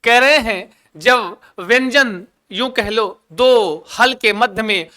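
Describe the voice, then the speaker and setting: A high, bright male voice leads an exam coaching class in a playful, teasing way. He keeps asking his students questions and answers them himself. His tone is smooth and clear. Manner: chants an opening prayer slowly. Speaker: Sanskrit teacher. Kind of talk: online exam coaching lesson.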